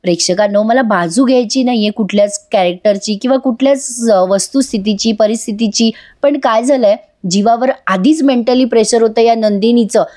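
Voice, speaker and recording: A woman's voice: a little high, normal speed, hardly any pauses, warm tone. A woman giving a voice-over review of a TV episode, chatty and sympathetic as she speaks to viewers. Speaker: TV serial reviewer.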